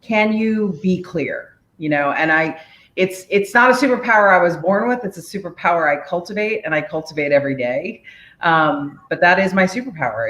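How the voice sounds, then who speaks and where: A woman in her forties from the DC area, a mayor, talking as a podcast guest in an energetic, upbeat way and laughing often. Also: fairly low pitch, reverberant. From United States, DC area. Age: 40s. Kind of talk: podcast interview, casual.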